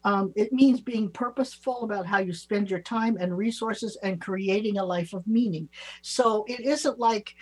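A woman's voice: medium pitch, a little mellow, breathy edge, poor audio. A woman with a mid-range voice offers spiritual advice as a show co-host. She talks informally and reassuringly, feeling her way through sentences in a loose conversational flow. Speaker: psychic reader and show co-host.

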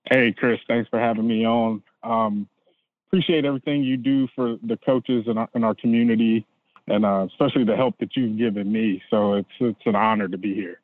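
A man's voice: on the low side, steady tone, fairly quick. Middle-aged man on a tinny line. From Indiana. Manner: hesitant, many fillers, earnest. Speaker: guest football coach. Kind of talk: casual interview. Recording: dry, phone-like remote line.

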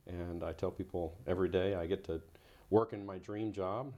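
A man's voice: sits low, steady tone, normal speed, mellow, lo-fi sound. A man, a nonprofit head, telling his story in an interview, reflective with fillers and restarts. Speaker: guest, nonprofit chief executive.

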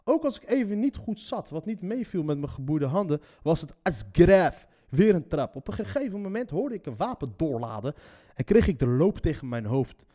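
A man's voice: fairly high pitch, sing-song, moderate pace, warm tone. A man reading a news article aloud and mocking it with sarcastic, sweary commentary.

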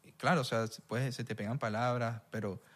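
A man's voice: medium pitch, fairly quick. A young man from Venezuela with a Venezuelan accent, chatting casually as a guest and mimicking accents as he tells stories. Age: young adult. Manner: animated storyteller who mimics other accents. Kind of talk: casual chat.

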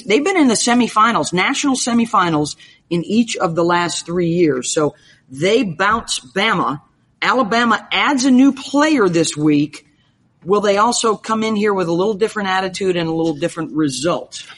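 A woman's voice: medium pitch, animated, moderate pace, fairly bright tone. A woman hosting a sports talk show, upbeat and jokey, rattling off game schedules. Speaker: show host.

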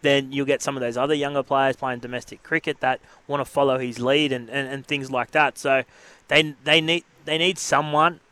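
A man's voice: mid-range voice, steady tone, moderate pace, sharp tone, smooth, no room sound. A man with an Australian accent co-hosting a sports radio show, casually analysing the game on a close mic. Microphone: close studio broadcast microphone.

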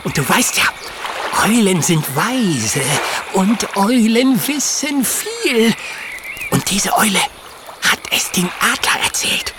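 A man's voice: high-pitched, sing-song, slow pace, heavily acted. An actor playing a friendly, long-winded male beaver in a children's audio drama, rambling on as he tells a story. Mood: gossipy. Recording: audible background noise.

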